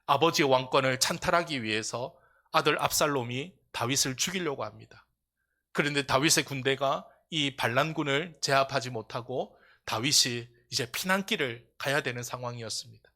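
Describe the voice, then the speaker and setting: Bright-voiced Korean pastor preaching. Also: male voice, mid-range voice, moderate pace. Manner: builds from calm teaching to loud impassioned preaching. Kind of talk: sermon. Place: church sanctuary.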